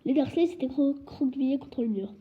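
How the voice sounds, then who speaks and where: Woman narrator, high voice, husky, storybook reading, dull lo-fi recording. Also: a little fast. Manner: steady reading with occasional slips. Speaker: audiobook reader.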